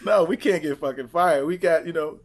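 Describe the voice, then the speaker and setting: A man's voice: a little high, a little fast. A male stand-up comedian from Chicago chatting on a podcast, telling road stories and acting out crowd voices. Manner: animated storyteller, acts out crowd voices. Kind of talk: casual podcast chat.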